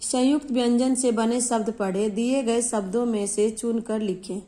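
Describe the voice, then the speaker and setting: This is a woman teacher, leading an online grammar lesson for young pupils. She explains patiently, says each word twice, and switches easily into English. Her voice sits a little higher than most women's. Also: steady tone, moderate pace, dark tone. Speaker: school teacher.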